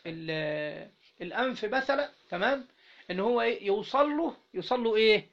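Egyptian guy teaching a class, high voice, keeps asking students to fill in the word, muffled lo-fi audio. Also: expressive, a little fast, a bit bright. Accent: Egyptian Arabic. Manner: keeps prompting students with questions, has them fill in words. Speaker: teacher of Islamic jurisprudence. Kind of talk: classroom lesson reading a text aloud and explaining it. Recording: dull lo-fi recording.

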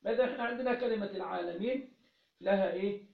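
A man's voice: high voice, racing, creaky. Egyptian teacher guy explaining a classical text, asks and answers his own questions, echoey muffled recording. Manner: asks questions then answers them, repeats key phrases. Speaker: teacher of Islamic jurisprudence. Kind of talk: religious lesson, explaining a text. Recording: roomy, dull lo-fi recording.

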